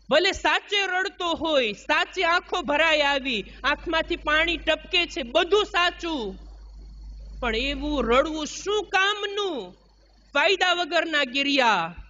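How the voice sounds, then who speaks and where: A man delivering a mourning sermon in a very high, bright voice, drawn out at a slow, measured pace. The recording is muffled and lo-fi, with faint noise behind him. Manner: slow, chanting delivery with sung verses. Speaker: preacher. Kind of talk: majlis sermon.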